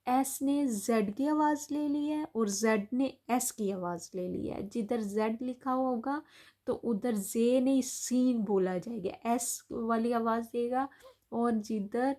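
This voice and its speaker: A woman's voice: on the high side, dark tone. A woman teaching a language lesson, patiently explaining letter sounds, often repeating herself with small fillers and restarts. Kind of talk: explaining German pronunciation lesson.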